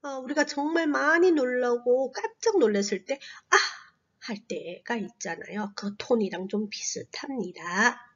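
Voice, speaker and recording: A woman teacher speaks in a fairly high, unhurried voice, stretching each model sound out for young learners. Now and then she drops into a breathy half-whisper. The audio is dull and muffled, like a classroom video. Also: a bit bright. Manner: slow, patient, drawn-out model sounds. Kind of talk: children's language lesson.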